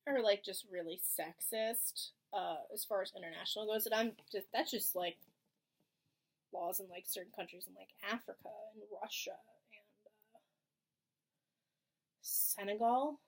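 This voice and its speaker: A woman's voice: mid-range voice, unhurried, long pauses. A young woman co-hosting a podcast, talking bluntly with lots of fillers and swearing. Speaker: podcast co-host. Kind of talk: casual chat.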